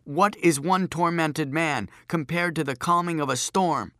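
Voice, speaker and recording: A man's voice: a little high, a little slow, pushed and bright, no echo, studio quality, pitched above the performer's own voice. A man voicing an earnest, preachy young male disciple who speaks eagerly.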